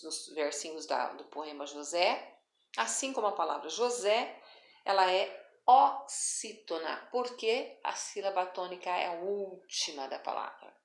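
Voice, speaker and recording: A woman teaching a school lesson, talking patiently and drawing out stressed syllables with "tá?" checks. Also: mid-range voice. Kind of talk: classroom lesson. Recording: echoey room.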